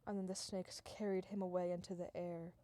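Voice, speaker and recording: A woman telling an improvised comic story in a deadpan, run-on way, stringing events together and sometimes dropping to a hush. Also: lowish voice, brisk, dry recording. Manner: deadpan, run-on "and then" narration, dropping to hushed tones.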